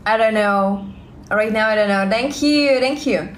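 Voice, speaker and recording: Slow, halting Russian-accented young woman. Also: mid-range voice, roomy sound, a little hiss or hum. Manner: halting, simple English with many fillers and repeats. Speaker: livestream vlogger. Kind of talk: live stream chat, reading comments. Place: indoors, small room. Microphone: phone held close.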